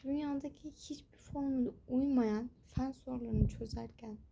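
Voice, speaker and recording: A woman's voice: sits high, fairly even intonation, normal speed, vocal fry, background noise. Exasperated young woman ranting about exams. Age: young adult. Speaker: exam student vlogger. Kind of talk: casual vlog rant. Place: bedroom at home.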